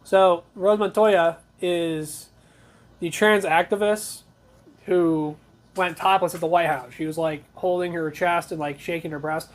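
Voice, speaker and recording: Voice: medium pitch, steady tone, unhurried. A talk show host giving blunt, conversational news commentary, reading reports aloud with opinionated asides.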